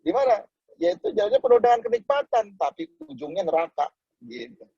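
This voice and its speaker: A man giving a motivational network marketing talk over a video call, acting out little dialogues and jumping to sudden high exclamations. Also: big pitch swings, a little fast, vocal fry, dark tone, husky, dry recording, dull audio.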